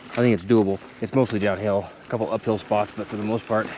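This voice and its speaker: A man's voice: on the low side, fairly even intonation, fast talker, darkish tone, slight background noise, poor audio. A man chatting casually on an outdoor trail vlog, thinking aloud in short, unscripted remarks. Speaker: vlogger narrating a bike ride.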